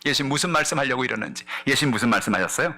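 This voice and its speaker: A male pastor preaching a sermon, telling a story with energy and acting out the characters' lines, moving between loud exclamations and hushed asides. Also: medium pitch, animated, racing.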